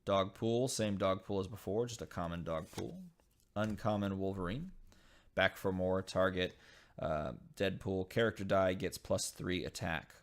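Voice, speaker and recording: A man hosting a casual unboxing video, reading game card text aloud and thinking over each card with frequent pauses. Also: low voice. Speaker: channel host opening dice game packs.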